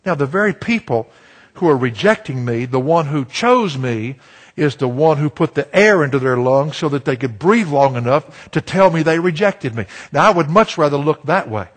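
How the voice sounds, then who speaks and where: Husky preacher man, folksy. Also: on the high side, expressive, moderate pace. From Virginia, USA. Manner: folksy storytelling preacher, self-deprecating humor. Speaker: pastor. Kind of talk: sermon.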